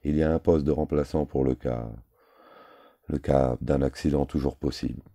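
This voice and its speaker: A man voicing a gruff older boss who gives curt, brisk orders. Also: a bass voice, fairly even intonation, warm tone, dry recording, clean studio sound. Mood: commanding.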